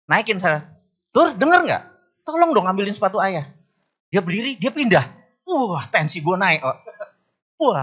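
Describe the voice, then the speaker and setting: A middle-aged man telling stories from his life to an audience, animated, often jumping high in pitch to act out other people and asking the crowd whether he is right. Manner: asks the audience "bener nggak?". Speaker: business speaker. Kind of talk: storytelling talk to an audience.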